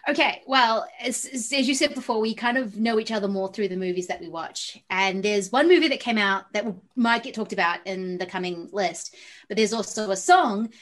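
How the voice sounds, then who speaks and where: A woman's voice: medium pitch, moderate pace, a bit bright. A woman with an Australian-New Zealand accent chatting on a podcast, laughing easily and stumbling over names. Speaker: podcast co-host. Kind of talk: casual podcast chat.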